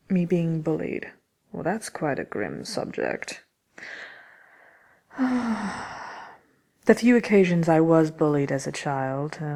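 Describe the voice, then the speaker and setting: Low, creaky Wicked Witch of the West played by a woman. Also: darkish tone, heavily acted. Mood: reading questions. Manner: unhurried, hesitant, dry, condescending "dearie". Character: haughty wicked witch of fairy tale, grumpy and unapologetic. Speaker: host of a question-and-answer show. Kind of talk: soft-spoken ASMR roleplay chatter.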